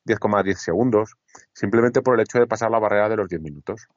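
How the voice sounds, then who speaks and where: A man rambles through casual chat in a lowish voice, padding his points with repeated fillers. The sound is dry and close, with a dull lo-fi tone. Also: quick pace, no echo.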